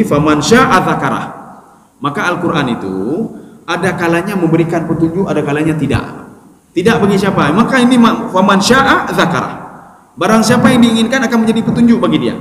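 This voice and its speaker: A male preacher giving a conversational sermon, often addressing listeners directly and acting out dialogue with sharp jumps in pitch. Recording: echoey hall with faint ambience.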